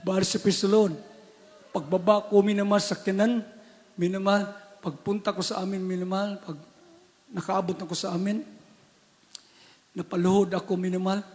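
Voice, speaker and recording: A Filipino man preaching a testimony sermon, who keeps repeating a refrain and moves from hushed storytelling to shouted exclamations. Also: high voice, level tone, brisk, long pauses. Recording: church hall reverb.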